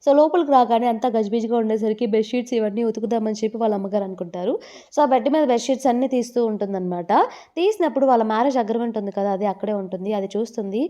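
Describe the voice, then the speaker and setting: A woman with a Telugu accent retelling a drama episode as a storyteller. She quickly voices the characters' quoted lines in a raised tone. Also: on the high side, dark tone. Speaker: drama recap narrator.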